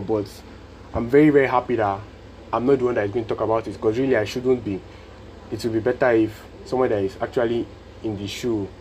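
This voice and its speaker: A man's voice: medium pitch, darkish tone, slight background noise, poor audio. A Nigerian man hosting a casual solo podcast, speaking earnestly and repeating his points for emphasis. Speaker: podcast host.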